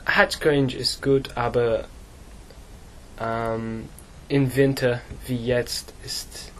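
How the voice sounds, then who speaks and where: A teenage boy from England, an English speaker practising German, answering slowly with many fillers and pauses. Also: mid-range voice, flat delivery, slight background noise. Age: teens. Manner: halting, slow, many fillers. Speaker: student.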